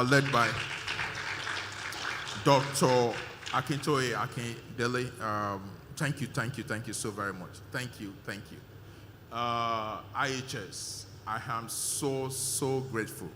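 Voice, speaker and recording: A man's voice: medium pitch, sharp tone, a little hiss or hum. A man speaking as a conference organizer, giving an emphatic, repetitive vote of thanks with many fillers at a live event. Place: large conference hall. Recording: hall reverb with faint ambience.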